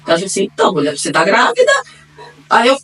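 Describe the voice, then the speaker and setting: A woman with a Brazilian accent giving a personal faith testimony, acting out the dialogue as she retells it and swinging between quiet and excited. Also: medium pitch, quick pace, noisy background. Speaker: testimony giver. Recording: distant mic, faint room ambience.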